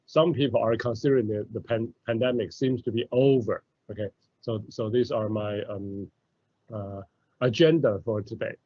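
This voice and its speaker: A man's voice: on the low side, steady tone, normal speed, no room sound. A middle-aged man from mainland China, giving an academic lecture over a video call, hesitant and full of "uh" and "okay". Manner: hesitant, many fillers and "okay"s. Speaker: professor giving a talk. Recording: dull lo-fi video call audio.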